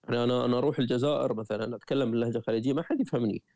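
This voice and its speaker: A man with a Gulf Arabic accent from Qatar, a traveler and writer talking as an interview guest, telling stories in a lively way with frequent restarts. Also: medium pitch, rapid-fire, dry recording, studio quality. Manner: lively storyteller, frequent self-corrections and restarts. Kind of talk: conversational interview.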